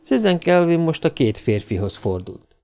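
A man reading an audiobook, narrating in a low, steady storytelling voice. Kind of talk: scripted narration.

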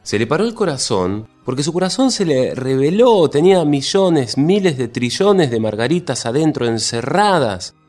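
Guy reading a story out loud, really animated, faint music in the background. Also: mid-range voice. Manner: lively, expressive storytelling. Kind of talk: scripted story narration.

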